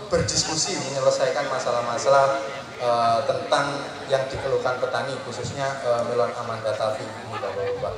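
Young man, halting company speaker at a rural launch, loud PA echo, distant mic, crowd behind. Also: medium pitch. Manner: halting, many filler pauses. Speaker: seed company field team speaker. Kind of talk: public speech at a farm product launch. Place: outdoor tent event in a village. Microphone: handheld mic through loudspeakers, filmed from afar.

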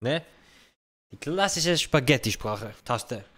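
A man's voice: mid-range voice, expressive, slow pace, a bit bright. A young man, reacting casually to comments on his own video, dropping slang and English phrases. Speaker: content creator.

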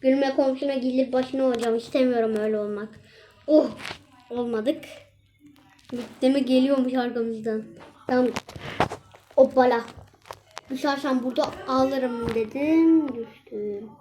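A woman's voice: sits high, fairly even intonation, a little slow, long pauses, mellow, a little hiss or hum. A young woman chatting casually and exclaiming as she plays a mobile game for her channel. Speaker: gaming channel host.

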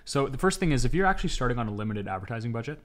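A man's voice: mid-range voice, sing-song, rapid-fire. A young Canadian man with a Canadian accent, giving an upbeat tutorial to camera as an e-commerce educator. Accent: Canadian English. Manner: upbeat, clear explainer with casual fillers. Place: dim indoor studio.

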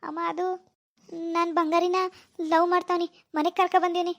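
A voice artist playing a lovesick young village man in a cartoon, pleading softly with his mother. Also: very high-pitched, flat delivery, moderate pace. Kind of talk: animated village drama.

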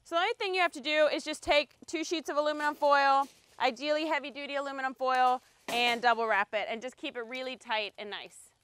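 A woman in her thirties, working as a cooking instructor, chats casually through a demonstration beside a grill on an outdoor deck, explaining as she cooks. Her voice is high-pitched, brisk, and a bit bright.

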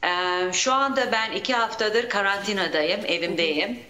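A woman calling into a broadcast from her home over a phone line, giving an earnest live report in steady run-on sentences. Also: mid-range voice, normal speed, roomy sound. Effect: radio show caller on a phone line. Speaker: caller to a broadcast from abroad.

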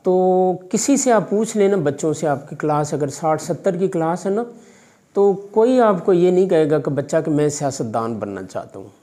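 A Pakistani college vice principal in his 50s answers interview questions in a Pakistani Urdu accent, sounding measured and fatherly, using religious phrasing and hesitant fillers. His voice sits a little high, with lively intonation and a dark tone. A distant camera records him in an office.

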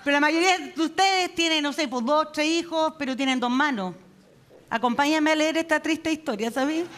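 A Chilean woman on stage doing stand-up, her voice high and ringing. She fires off crude, slangy jokes and keeps pulling the audience into the banter. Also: moderate pace, a bit bright, slight background noise. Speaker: stand-up comedian. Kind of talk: live stand-up set.

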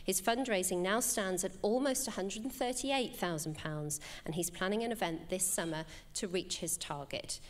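A woman's voice: mid-range voice, moderate pace, few pauses. A woman hosting an awards ceremony, presenting winners and asking upbeat, encouraging questions. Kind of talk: presenting and on-stage interviewing.

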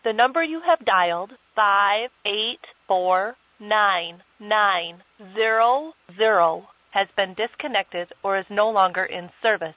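A woman's voice: mid-range voice, slow, hardly any pauses, dry recording. A woman reading a scripted disconnected number message in a formal way, with digits pieced together one by one. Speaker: telephone intercept announcer. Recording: dull lo-fi telephone recording.

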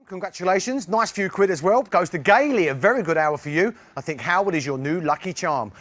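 A man's voice: high-pitched, animated, a little fast, fairly bright tone. A middle-aged man presenting a live TV bingo show in an upbeat game show style. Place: TV studio.

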